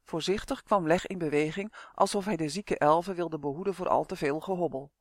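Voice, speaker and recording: A narrator reading a children's fantasy audiobook in a calm, expressive storytelling manner. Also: medium pitch, brisk, dry recording, studio quality.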